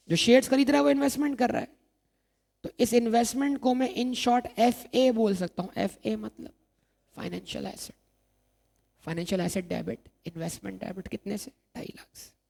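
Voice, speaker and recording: Gravelly male lecturer. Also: high-pitched, steady tone, moderate pace, pauses often, darkish tone. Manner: asks rhetorical questions and answers them himself, repeats key terms. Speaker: accounting lecturer. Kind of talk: recorded exam-prep lecture.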